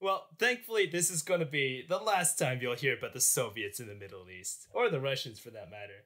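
A man's voice: medium pitch, animated, a little fast, sharp tone. A man hosting a casual history podcast, telling the story in a jokey, slangy way. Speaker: podcast host.

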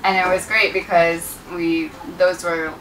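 A woman in her thirties, chatting casually on a boat with a quick, filler-heavy flow. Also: on the low side, level tone, a bit bright, a little hiss or hum, poor audio. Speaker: sailing vlogger. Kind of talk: casual chat.

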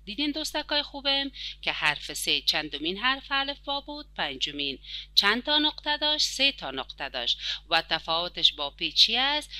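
A woman with an Afghan Dari accent teaching a children's lesson, stretching out words slowly for young pupils. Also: mid-range voice, big pitch swings, pushed and bright, no room sound. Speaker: primary school teacher.

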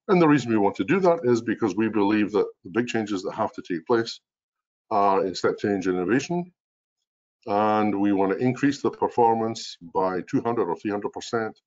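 Deep-voiced older man, strong Scottish accent. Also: a little mellow. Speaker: organization president and chief executive, presenter. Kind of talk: explanatory business webinar presentation. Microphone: video call computer mic. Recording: dull, lo-fi video call audio.

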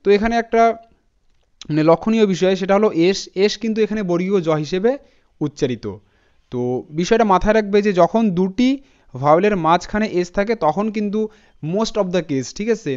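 High, clear-voiced male English teacher. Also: darkish tone, lo-fi sound. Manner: spells words letter by letter and repeats them slowly; addresses students directly with frequent "thik ache" checks. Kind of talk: spoken classroom lesson.

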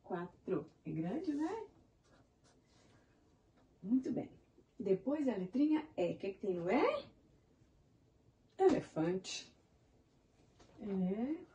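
Slow, lively-voiced Brazilian woman teacher. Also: mid-range voice, distant mic. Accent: Brazilian Portuguese. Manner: encouraging, spells words out in syllables. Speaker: primary school teacher. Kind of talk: slow, syllable-by-syllable lesson for young children.

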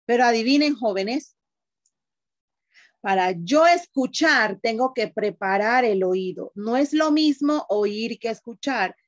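A woman's voice: fairly high pitch, expressive, takes it slowly, no echo, highs cut off. A woman teacher giving an online class, explaining patiently and asking the class questions.

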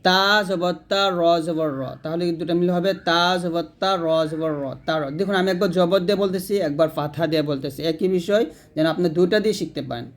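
Man drilling letter sounds slowly. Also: high-pitched. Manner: slow, drawn-out drilling of letter sounds, then quicker explaining; asks and answers his own questions. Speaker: Quran reading teacher. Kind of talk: step-by-step pronunciation lesson.

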